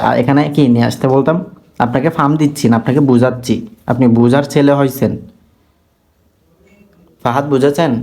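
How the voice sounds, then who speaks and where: A man, a Quran tutor gently scolding and coaxing his student on camera, asking question after question. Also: medium pitch.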